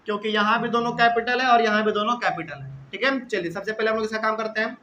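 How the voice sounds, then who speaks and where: Male teacher, young, very high bright voice, classroom lecture, repetitive and drawn-out, faint room noise. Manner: repetitive, drawn-out, checks in with students. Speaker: chemistry teacher. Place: classroom with live and online students.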